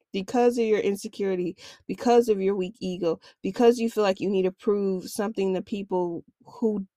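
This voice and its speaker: A woman's voice: mid-range voice, a little mellow, no room sound, studio quality. Candid woman giving casual self-help advice. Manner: candid, conversational, uses slang. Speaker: podcast host.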